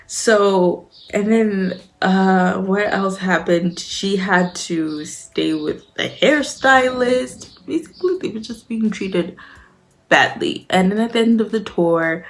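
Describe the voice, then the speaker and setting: A woman's voice: medium pitch, measured pace. A young woman hosting casual drama commentary, chatty, swearing freely and stacking filler words as she recaps. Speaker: commentary host.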